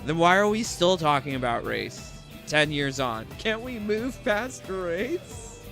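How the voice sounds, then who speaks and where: Male gaming host, sarcastic let's-play voice with slightly raised pitch and an animated delivery. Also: takes it slowly, soft background music. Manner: sarcastic, mocking, laughs between lines.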